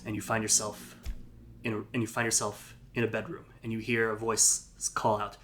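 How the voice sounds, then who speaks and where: A man narrating a tabletop game in the second person as game master, halting often to restart and correct himself. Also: fairly low pitch, monotone, a bit bright, slight background noise.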